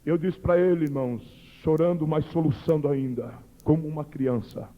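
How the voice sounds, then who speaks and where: A man giving a fervent preaching testimony, speaking emotionally to his listeners as brothers and swinging between hushed and loud. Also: a little high, moderate pace. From Brazil. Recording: dull lo-fi sound.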